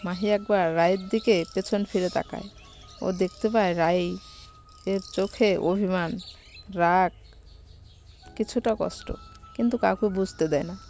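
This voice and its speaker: Female storyteller, even narration, soft music bed. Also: mid-range voice, unhurried, long pauses.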